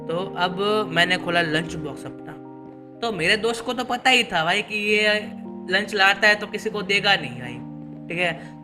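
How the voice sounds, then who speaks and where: Lively young man telling a story. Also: sits high. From Gujarat, India. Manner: animated, slangy, peppered with buddy fillers. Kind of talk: casual storytime vlog.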